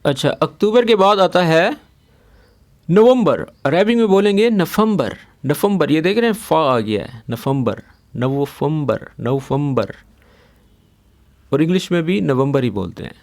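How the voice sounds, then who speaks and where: Young guy w/ teaching arabic, repeats words over n over, kinda high voice. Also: sing-song, normal speed. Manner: patient, repeats each word several times. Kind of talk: casual spoken language lesson.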